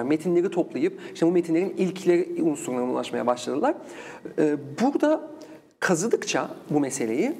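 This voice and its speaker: A researcher appearing as an interview guest explains things in a discursive, academic style, tossing in rhetorical questions. His voice is fairly high-pitched with vocal fry and a darkish tone.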